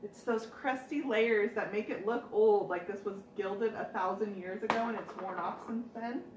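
A chatty woman hosting a casual live furniture painting demo talks at a moderate pace in a mid-range voice. She laughs often and jokes with her viewers. The room is echoey, the mic sits at a distance, and there's slight background noise.

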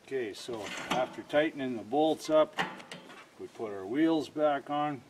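A man's voice: mid-range voice, a little slow, background noise. A man giving a plain, step-by-step how-to demonstration, narrating each task as he works on a cart in a workshop. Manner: plain, step-by-step, narrating his own actions. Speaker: cart builder demonstrating an install.

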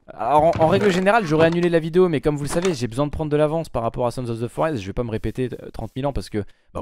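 A gaming YouTuber records let's play commentary, addressing both his viewers and the game characters. He swings from low muttering to sudden loud outbursts, with background noise present.

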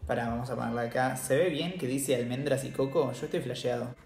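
A man's voice: medium pitch, a little fast, gravelly, a little mellow. Chatty Argentine man in an echoey room. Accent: Argentine Spanish. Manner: chatty and slangy, laughs often. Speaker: cooking channel host. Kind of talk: casual tasting vlog.

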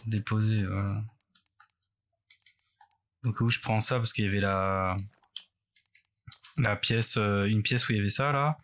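A man's voice: on the low side, fairly even intonation, measured pace, pauses often, fairly bright tone. A man doing casual let's play commentary as a horror game streamer, rambling nervously and self-mockingly as he talks to himself. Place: bedroom at home, indoors.

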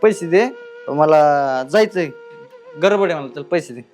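A man's voice: fairly high pitch, unhurried, a little mellow, soft background music, close to an everyday voice. A man playing a drunk adult son who speaks in a harsh, repetitive, bullying way. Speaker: actor. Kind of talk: short-film acting.

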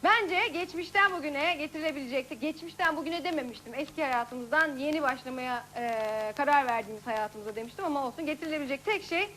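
High-voiced chatty woman TV host. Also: quick pace, few pauses, bright, forceful tone, a little hiss or hum. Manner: chatty, laughing, reads out viewer faxes. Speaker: TV show host. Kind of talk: casual live TV chat.

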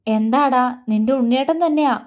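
A woman's voice: sits high, moderate pace, a little mellow, natural voice. Tender young lover, as a woman narrator puts him on. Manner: affectionate, mock-stern scolding. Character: tender, teasing young man in love.

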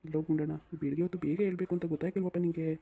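A voice actor playing an old village grandfather who gently lectures his grandson in a cartoon. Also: medium pitch, fairly even intonation, rapid-fire, gravelly, breathy edge, phone-quality sound. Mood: gentle. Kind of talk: cartoon voice acting.

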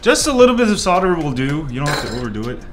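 A man who grew up in Korea and speaks Korean natively races through a casual, chatty, rambling soldering tutorial at an indoor workbench, with music in the background. He hosts 3D printing tutorials and is filmed off-camera in a hands-only shot. He jumps into excited, high exclamations and mutters asides as he goes.

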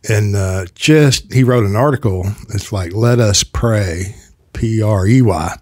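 An older man hosting a casual podcast conversation, telling stories in a rambling way and clearing his throat often, at a boom mic in a small office studio. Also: a little slow, a little mellow, no echo. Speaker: podcast host. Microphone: desk podcast mic on boom arm.

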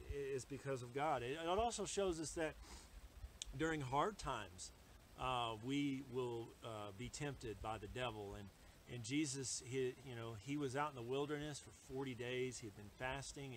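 Casual sermon preacher, hesitant, slight hiss behind him. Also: male voice, mid-range voice. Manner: halting, many fillers and restarts. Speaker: pastor.

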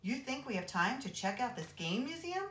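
A woman's voice: on the high side, very animated, normal speed, fairly bright tone, voice pushed up. A woman voicing an eager, game-loving boy. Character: curious, game-loving twelve-year-old boy. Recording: roomy echo.

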